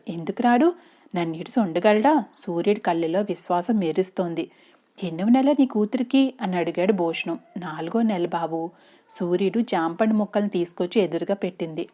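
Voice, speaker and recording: Woman reading a story in a mellow, low voice. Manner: reads the narration and gives each character a voice. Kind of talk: reading a short story aloud.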